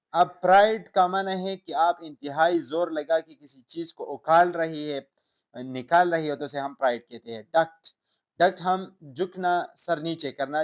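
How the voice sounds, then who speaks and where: A man with a Pakistani accent gives a classroom-style lecture in a slightly higher voice. He reads English examples at a slow, deliberate pace and then explains them step by step. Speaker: teacher.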